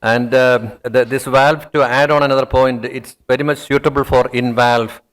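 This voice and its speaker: A man's voice: mid-range voice, fairly even intonation, normal speed. A man moderating a conference panel with brief, matter-of-fact remarks.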